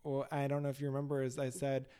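A man's voice: medium pitch, completely flat delivery, fast, mellow, clean tone. A man hosting a podcast in casual chat, camp and playful in manner. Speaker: podcast host.

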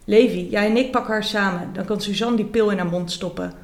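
A woman's voice: mid-range voice, a little fast, echoey room, close to an everyday voice. A woman reading as a stern commanding father. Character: stern father forcing a pill on his child.

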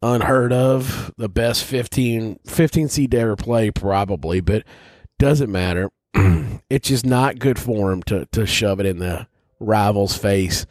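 A man's voice: on the low side, measured pace, a little mellow, no room sound, clean studio sound. A man hosting a casual whiskey tasting, talking bluntly and rambling, with frequent swearing. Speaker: whiskey reviewer host.

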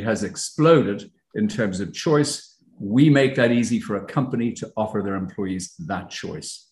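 In a roomy, echoey recording, a founder from Ireland talks about his company during a casual interview, full of ums and restarts. He has a fairly low pitch and a darkish tone.

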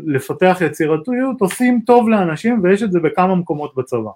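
A man with an Israeli accent chatting casually as a podcast co-host, halting and often restarting his sentences. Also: high voice, animated, a little mellow. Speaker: talk co-host, tech entrepreneur.

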